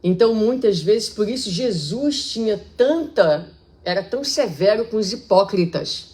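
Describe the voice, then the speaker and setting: A woman with a Brazilian accent giving a public spiritist lecture in a conversational way, acting out quoted speech with lively shifts. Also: mid-range voice, a little slow. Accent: Brazilian Portuguese.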